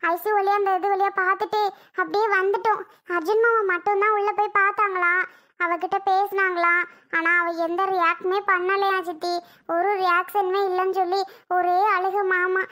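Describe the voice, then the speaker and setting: A woman voicing a caring young aunt in a cartoon, soothing crying toddlers in a high, sing-song coaxing voice. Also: level tone, normal speed, bright, forceful tone. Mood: distressed. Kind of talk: cartoon voice acting.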